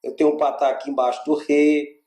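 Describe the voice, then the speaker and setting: A Bible language teacher with a Brazilian Portuguese accent gives an online lecture with slides on biblical Hebrew, explaining step by step and checking in often with "tá?" and "gente." His voice is a little high, brisk, warm, and fairly flat in pitch, and the recording sounds roomy.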